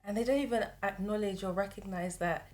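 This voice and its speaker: A woman's voice: medium pitch, a little fast. A woman, co-hosting a podcast, playful and teasing as she tells stories. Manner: playful, teasing, animated storyteller. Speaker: podcast co-host. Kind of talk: casual chat.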